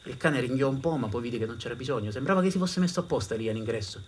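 A man performing a theatrical storytelling monologue on stage, shifting from hushed to loud. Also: mid-range voice, racing, slightly rough. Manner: dramatic, swings from hushed to loud. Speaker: storyteller actor.

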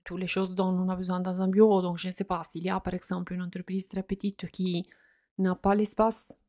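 A woman hosting a soft-spoken ASMR chat, speaking hesitantly in non-native French with slips and frequent fillers. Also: on the low side, little pitch movement, brisk, no room sound, clean studio sound. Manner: hesitant, many fillers and restarts. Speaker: ASMR channel host.

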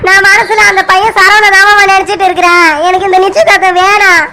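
A woman's voice: very high-pitched, little pitch movement, brisk, background noise. A woman voicing a young adult daughter in a cartoon family serial, pleading and stubborn against her family. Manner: pleading, tearful. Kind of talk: animated family serial voice acting.

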